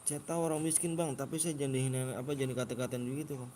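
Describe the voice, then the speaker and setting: This Jakarta-accented livestream host, a man in his twenties running custom game rooms, rattles off slangy, repetitive chatter and scolds viewers about their manners. His mid-range voice is warm and fairly even in intonation, delivered rapid-fire, with a little hiss or hum behind it.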